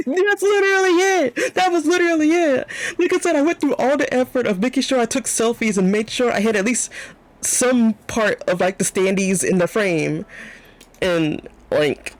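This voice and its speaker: A young woman streamer chatting casually and rambling, full of "like" fillers, her voice jumping up high when she gets excited. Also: dry recording. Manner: rambling, heavy use of "like" as filler. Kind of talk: casual chat.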